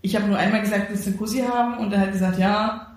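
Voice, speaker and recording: A woman's voice: mid-range voice, steady tone, rapid-fire. A woman co-host tells a story in an easy, chatty way. She acts out the quoted dialogue as she goes. The recording sits in a strongly echoing room. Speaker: podcast co-host. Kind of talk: casual storytelling chat. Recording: very echoey room.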